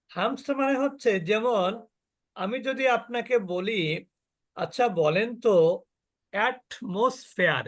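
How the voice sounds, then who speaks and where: A man teaching a Quran recitation class, explaining slowly, asking and answering his own questions, and demonstrating each sound over and over. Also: high-pitched, fairly bright tone, no echo. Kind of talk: online tajweed class.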